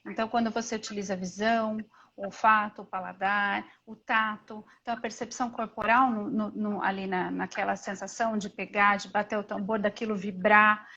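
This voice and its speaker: A Brazilian mother talks in a lively, animated way, often restarting her phrases. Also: medium pitch, a little fast, creaky, few pauses. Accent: Brazilian Portuguese. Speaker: guest, mother. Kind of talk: casual conversation. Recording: dull lo-fi audio with faint noise.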